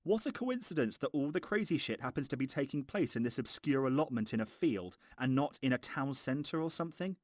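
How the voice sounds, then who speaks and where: A man's voice: mid-range voice, expressive, fairly quick, hardly any pauses, a little mellow, no echo, studio quality. A man narrating a scripted film review in a mocking, exasperated, sweary way.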